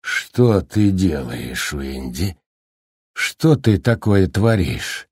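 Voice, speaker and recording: A man voicing a raging, unhinged middle-aged father who shouts threats in a husky voice. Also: deep voice, sing-song, extremely slow, dry recording, clean studio sound, full character voice. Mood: suspicious.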